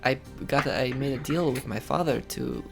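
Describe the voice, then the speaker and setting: A man playing a tabletop game in character, talking in halting, hesitant bursts. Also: medium pitch, creaky, music in the background. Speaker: player.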